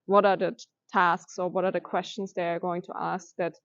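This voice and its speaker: A young woman from Germany, a master's student being interviewed, answering thoughtfully with pauses and restarts. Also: on the low side, level tone, a bit bright, no echo, muffled recording. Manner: thoughtful, hesitant, with many fillers and restarts. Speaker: interviewee, education data science master's student.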